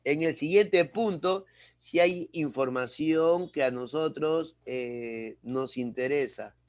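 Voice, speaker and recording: A man's voice: a little high, takes it slowly, no room sound. A man teaching a grammar lesson to a class, explaining step by step and often checking with questions like "right?". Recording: dry, dull lo-fi sound.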